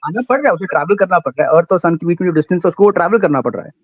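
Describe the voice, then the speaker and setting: A man's voice: high voice, expressive, rapid-fire, husky, no echo. A male caller from India, heard over a call line, who argues earnestly and halts as he searches for words. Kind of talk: call-in debate question. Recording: dull lo-fi call audio, dry.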